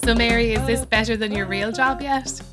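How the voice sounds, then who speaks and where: A woman's voice: a little high, fairly even intonation, normal speed, music in the background. A woman with an Irish accent co-hosting a podcast, teasing and upbeat in casual chat and when reading the credits. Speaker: podcast co-host.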